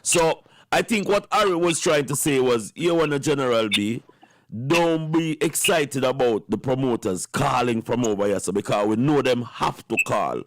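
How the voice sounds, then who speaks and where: A man's voice: mid-range voice, expressive, normal speed. A man with a Jamaican accent hosting radio in Rasta-style patois, speaking emphatically and repeating phrases for effect. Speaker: radio host. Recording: music playing behind the voice. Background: music.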